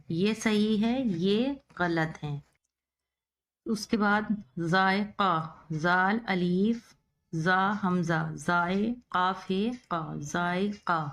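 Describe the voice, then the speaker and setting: A woman's voice: medium pitch, fairly bright tone. A woman teaching Urdu, spelling words out letter by letter and repeating each one. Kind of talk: slow spelling-out lesson.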